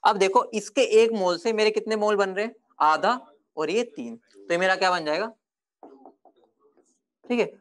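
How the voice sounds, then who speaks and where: A man teaching a chemistry class, casual and repetitive, often telling students to be quiet. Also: sits high, normal speed, pauses often. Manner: chatty, repeats himself, hushes the class. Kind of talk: classroom lecture.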